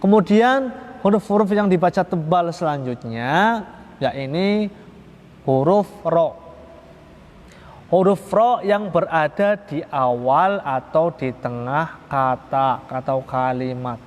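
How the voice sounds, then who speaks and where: Male religious teacher, patient and repetitive, slightly high voice, recorded in a reverberant hall. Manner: patient, repetitive, drawn-out chanted examples. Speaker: Quran recitation teacher. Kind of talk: slow religious lesson on tajwid. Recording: echoey long reverb hall.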